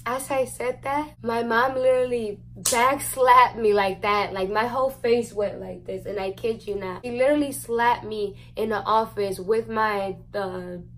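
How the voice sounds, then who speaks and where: A woman's voice: fairly high pitch, steady tone, unhurried, hardly any pauses, a little hiss or hum, low-quality recording. A young adult woman vlogger telling a personal story in a casual, rambling way, full of fillers and swearing, at home. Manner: candid, rambling, swears freely, many fillers. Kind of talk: casual storytime while eating.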